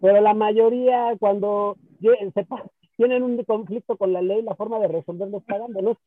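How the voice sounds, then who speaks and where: A man hosting an interview, asking thoughtful, measured questions. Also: sits high, fairly even intonation, dry recording. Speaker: host. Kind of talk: interview conversation. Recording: tinny phone-like sound, dry.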